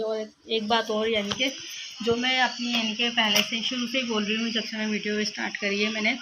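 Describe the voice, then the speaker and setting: Soft-spoken young woman vlogging at home. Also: medium pitch, very noisy. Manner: chatty, rambling with many fillers; speaks softly so as not to wake her child. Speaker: family vlogger. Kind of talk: casual home vlog. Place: home, indoors.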